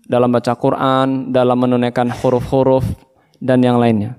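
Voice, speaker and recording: A man with an Indonesian accent teaching Quran recitation, drawing out each verse slowly and patiently correcting single syllables in call-and-repeat drills. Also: mid-range voice, completely flat delivery, a little mellow, clean tone. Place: mosque hall. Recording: long mosque reverb.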